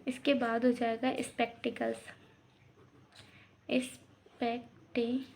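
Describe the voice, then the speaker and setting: Female teacher, young adult, higher mellow voice, patient step-by-step explainer, slight background noise. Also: fairly even intonation, moderate pace. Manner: explains step by step with frequent checks. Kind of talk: English grammar lesson.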